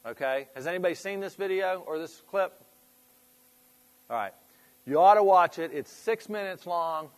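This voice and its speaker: A man with a slightly raised pitch gives an informal business presentation to a live group. He talks conversationally, throws questions out to the audience and often trails off and restarts mid-sentence. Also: normal speed, long pauses. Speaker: presenter at a fitness club industry meeting.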